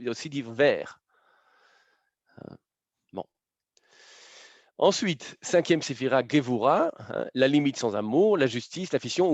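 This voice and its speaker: A man's voice: medium pitch, a little mellow, dry recording. A man giving a lecture to a live audience, explaining points one by one and often tagging his sentences with short checking questions. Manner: explanatory, punctuated by frequent tag questions. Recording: dull, slightly muffled lo-fi sound.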